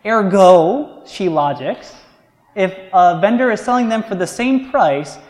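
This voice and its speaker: A male pastor delivers a sermon, easing from casual storytelling into slow, weighty emphasis on key words. His voice sits a bit on the high side. The sound rings with the long reverb of a large church sanctuary. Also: animated. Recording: echoey church hall.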